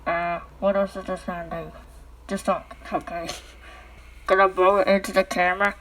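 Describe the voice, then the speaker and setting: A woman speaks into her phone at home for a casual, rambling vlog, talking through a cardboard tube and finishing nearly every sentence with a questioning "okay?". Her voice is fairly low and a bit bright, with flat delivery at a moderate pace, on a rough recording with a little hiss or hum.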